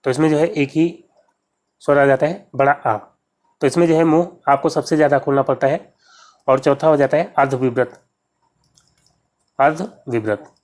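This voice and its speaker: A man's voice: fairly high pitch, fairly even intonation, normal speed, pauses often. Man tutoring exam questions. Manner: explanatory, repeats key terms, often says "to jo hai". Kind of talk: exam-prep lesson, solving practice questions.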